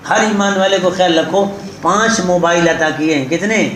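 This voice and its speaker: Man preaching and storytelling, high voice, big booming echo and some noise behind. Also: a bit bright. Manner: tells a story and addresses listeners directly. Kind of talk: sermon with storytelling. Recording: very echoey hall with background noise.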